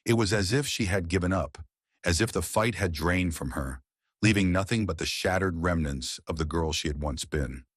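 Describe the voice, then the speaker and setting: Deep husky male story narrator. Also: normal speed, no echo, clean studio sound.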